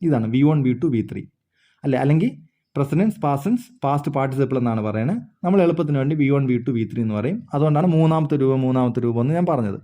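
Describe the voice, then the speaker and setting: A man's voice: mid-range voice, lively intonation, very fast, mellow. A man teaching an English grammar lesson, explaining step by step, repeating words and often checking whether the listeners understood.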